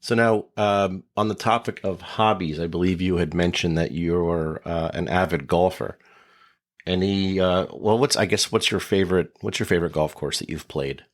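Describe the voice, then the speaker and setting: A man's voice: low-pitched, normal speed. A man hosting a podcast interview, chatting loosely, rambling with many restarts and fillers. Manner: rambling, full of restarts and "you know". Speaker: podcast host. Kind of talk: casual interview chat.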